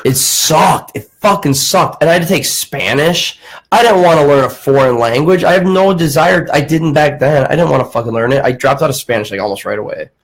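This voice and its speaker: A man's voice: a little high, brisk. A man in his late twenties hosting a podcast, telling a rambling story full of "like" and swearing. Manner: rambling, profane, heavy use of "like". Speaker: podcast host. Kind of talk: casual storytelling chat.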